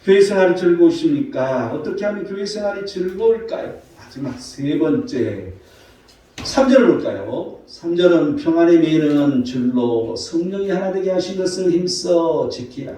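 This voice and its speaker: A man with a fairly high, mellow voice preaches a Sunday sermon, pausing to ask the congregation rhetorical questions. He sounds distant from the microphone, and his voice rings through a very reverberant church hall. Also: expressive. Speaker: pastor. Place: church sanctuary. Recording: very echoey hall from far off.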